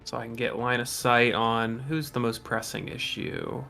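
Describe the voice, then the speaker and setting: A man playing a tabletop role-playing game, calmly talking through his character's moves step by step. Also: mid-range voice, moderate pace, gravelly, soft background music. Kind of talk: casual tabletop game talk.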